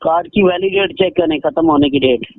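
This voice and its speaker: A man, heard over a phone line, posing as a bank officer and pressing the other person for card details in a smooth, insistent way. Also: high voice, a little fast, no echo. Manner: smooth, insistent, repeats "ji ji" to keep the caller going. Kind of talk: phone call. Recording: tinny phone call recording.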